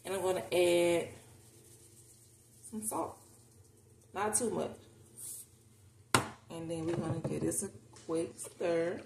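She's an American woman vlogging from her home kitchen, chatting casually and candidly with viewers as she cooks. Her lowish, gravelly voice keeps a steady tone at a slow pace, and she pauses often. Noticeable background noise fills the roomy kitchen.

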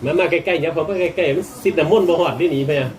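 A Buddhist monk with an Isan accent from northeastern Thailand chats with temple visitors in a folksy, colloquial way and gives blessings. His voice is a little high and he talks at a racing pace, caught on a noisy live recording with ambience behind him.

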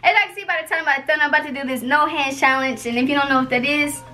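A woman's voice: high voice, rapid-fire, sharp tone, faint music behind. A young woman hosting a casual vlog at home, talking to camera in playful, slangy, chatty patter. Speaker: YouTube vlogger host. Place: indoors at home.

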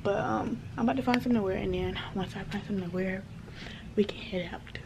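A woman's voice: medium pitch, fast talker, vocal fry, background noise. A young woman, chatting casually to her vlog viewers, rambling and calling them y'all. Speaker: vlogger. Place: at home.

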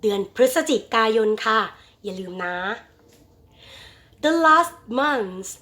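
A woman teacher drills English vocabulary, stretching each word out slowly so the children can repeat it. Her voice sits a little high, and her pace is unhurried throughout the bilingual lesson. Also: lively intonation, bright, forceful tone. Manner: addresses students fondly as children.

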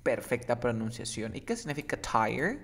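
A man teaching an English lesson, coaxing a student and drilling words slowly with exaggerated English sounds. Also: mid-range voice, very animated, gravelly, a bit bright.

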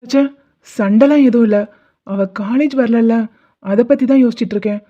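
A lovesick young college man, voiced by a woman, talks in a worried, hesitant way in an animated love story. The voice is a little high. The audio is dull and lo-fi. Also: moderate pace, natural voice. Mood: anxious.

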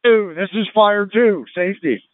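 Fire officer guy on the radio, clean voice, a bit high, dry thin two-way sound. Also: normal speed, no room sound. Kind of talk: firefighter radio traffic. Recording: tinny narrow-band two-way radio.

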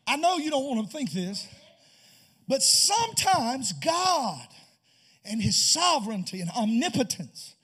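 A man pastor preaching a sermon, building to impassioned, shouted appeals. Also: very high-pitched, sing-song, measured pace, breathy edge.

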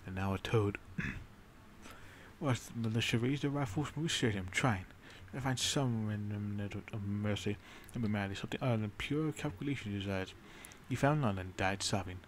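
Low-voiced man narrating a grim game story. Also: normal speed, slight background noise. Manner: rambling, swears casually, brooding dramatic storytelling. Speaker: game streamer. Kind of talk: in-character narration of a strategy game.

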